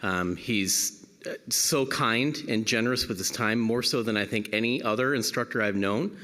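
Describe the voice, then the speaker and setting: A man's voice: on the low side, normal speed, bright, forceful tone. Man, event host, friendly admiring remarks, long hall reverb. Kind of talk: emcee remarks.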